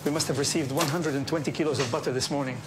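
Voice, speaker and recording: A man's voice: fairly high pitch, fairly even intonation, very fast, very noisy. A man in his fifties, a baker, chatting casually and repeating himself as he walks by a harbour. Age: 50s. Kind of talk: casual chat on a walk. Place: outdoors at an old harbour.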